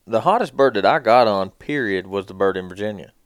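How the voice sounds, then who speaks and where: A man's voice: lowish voice, lively intonation, brisk, smooth, dry recording, studio quality. A man telling casual hunting stories in folksy, colloquial speech as a podcast co-host.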